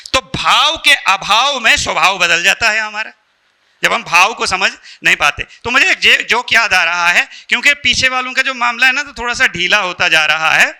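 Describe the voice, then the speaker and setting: Male spiritual speaker, Indian accent, high bright voice, joking storyteller who quizzes the audience. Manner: storytelling with jokes, asks the audience questions. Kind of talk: motivational talk to an audience.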